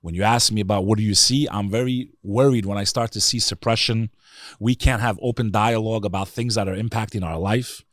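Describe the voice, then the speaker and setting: In a clean studio recording with no room sound, a middle-aged New York City–area man talks briskly in a lowish voice with fairly even intonation. As an interview guest he delivers impassioned opinions and personal stories, earnest and emphatic and full of rhetorical questions.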